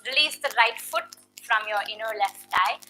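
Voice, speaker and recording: Woman yoga instructor, high bright voice, guiding poses and counting breaths, slightly winded. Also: normal speed, faint music behind, low-quality recording. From India. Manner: counts reps, checks in with frequent "okay?". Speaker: yoga teacher. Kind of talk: guided yoga class instruction.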